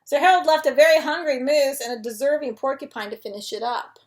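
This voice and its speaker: Reading a children's picture book aloud as a bedtime story, a woman speaks fast in a high voice. She reads expressively and adds chatty asides for her young listeners.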